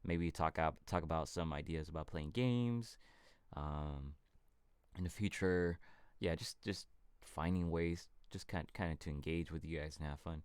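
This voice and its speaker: A man from California hosting a casual fitness livestream Q&A, answering viewer questions in a relaxed, rambling way. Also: extremely low pitch, unhurried, clear, resonant tone, dry recording. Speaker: fitness channel host.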